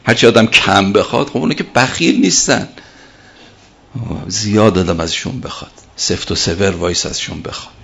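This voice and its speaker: A man's voice: on the low side, creaky, a bit bright. A man preaching a sermon and telling a story, emphatic and repeating his key phrases.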